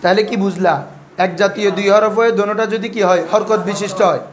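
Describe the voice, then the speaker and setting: A man's voice: high-pitched, steady tone, quick pace. A man teaching a class of pupils, asking them questions over and over and having them answer back. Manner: quizzing, repeats questions and has pupils answer. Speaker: teacher of Arabic grammar and Quran recitation rules.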